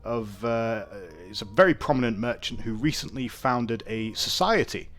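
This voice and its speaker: A man running a tabletop game as game master, in a relaxed, hesitant way with many fillers. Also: medium pitch, normal speed, soft background music.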